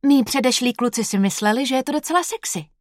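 A woman's voice: high voice, animated, no echo, studio quality, pitched above the performer's own voice. A woman voicing a teasing, unbothered young fiancée.

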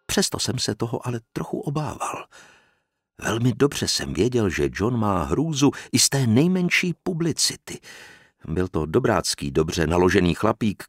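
A man narrating a novel in the first person, in a measured, expressive reading voice. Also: on the low side, dry recording, clean studio sound. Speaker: audiobook narrator.

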